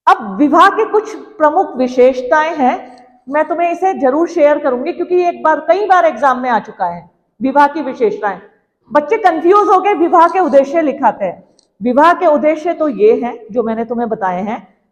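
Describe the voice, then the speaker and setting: High-voiced woman lecturing a class. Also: expressive, normal speed, long reverb tail, low-quality recording. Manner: earnest, preachy, acts out parents' voices. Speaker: teacher.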